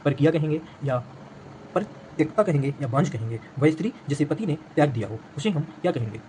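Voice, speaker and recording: Fast-talking man teaching vocabulary. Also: on the high side, a little mellow, a little hiss or hum. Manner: rapid, repeats each answer as a quiz question. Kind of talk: exam prep lesson.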